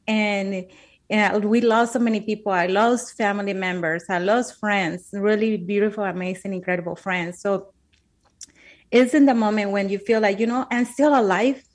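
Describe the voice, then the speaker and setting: Her voice sits at a medium pitch with a steady tone and normal speed. As a guest in an interview, this woman from Colombia tells her life story in English, her second language, with a Colombian Spanish accent, sharing it earnestly and emphatically and repeating words as she thinks.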